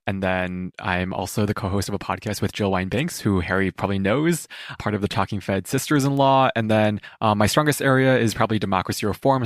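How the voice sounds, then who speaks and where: Fast-talking, low-voiced young man. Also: dry recording, clean studio sound. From Illinois, United States. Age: late teens. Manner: brisk, rattles off lists. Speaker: guest, podcast co-host.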